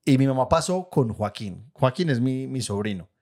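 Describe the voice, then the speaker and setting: A young Colombian man with a Paisa accent, co-hosting a podcast, telling family stories in a lively way and laughing as he talks. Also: medium pitch, normal speed. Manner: animated storyteller, laughs while telling. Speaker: podcast co-host. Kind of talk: casual chat.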